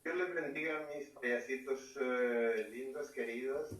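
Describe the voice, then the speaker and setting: A man's voice: mid-range voice, measured pace. Man giving a blessing, echoey and distant. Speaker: guest church brother.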